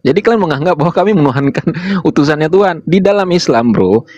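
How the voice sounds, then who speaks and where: A man argues his point in a heated debate, insistent and lecturing. His voice sits at a middle pitch and sounds close and dry, with almost no room around it. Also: lively intonation, fast talker, a little mellow, no echo, highs cut off. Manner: lecturing, insistent, rhetorical questions. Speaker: host of online debate.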